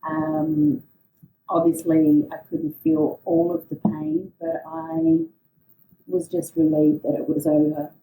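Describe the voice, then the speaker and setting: A woman giving an unscripted personal monologue in a hesitant, reflective way, often pausing mid-phrase. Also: low voice, completely flat delivery, warm tone. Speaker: podcast host telling a personal story. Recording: roomy echo, distant mic, faint noise.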